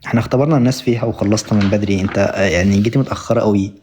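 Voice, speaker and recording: A man's voice: lowish voice, fairly even intonation, rapid-fire, a little mellow, a little hiss or hum. A young Egyptian man teaching German on a live stream, repeating each word over and over and thanking viewers often. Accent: Egyptian Arabic. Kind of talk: live-stream language lesson.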